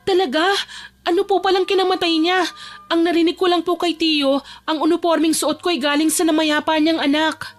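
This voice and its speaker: A woman voicing Alona, a scared young woman trapped in the dark. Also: extremely high pitch, flat delivery, a little fast. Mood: frightened. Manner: tense, pleading, breathless. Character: frightened young woman locked in a dark basement. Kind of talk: first-person horror story narration and dialogue. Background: faint music.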